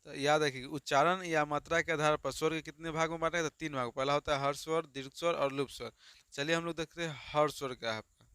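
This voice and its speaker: A man's voice: fairly high pitch, fairly even intonation, fast, pushed and bright, clear, resonant tone, no room sound. A man teaching a grammar lesson, asking and answering his own questions over and over. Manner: repetitive call-and-response questioning.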